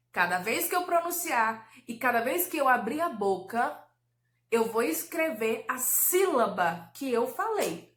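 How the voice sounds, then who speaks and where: A woman teacher giving a recorded lesson for children, patiently explaining and drawing out syllables slowly. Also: on the high side, fairly bright tone, reverberant. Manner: slow, drawn-out syllable pronunciation, patient and explanatory.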